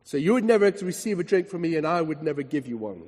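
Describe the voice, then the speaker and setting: An indignant woman at a well fires back quick, protesting retorts in a high voice, as a male preacher reads her part. Long reverb from a large hall trails behind. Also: very animated, darkish tone. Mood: outraged.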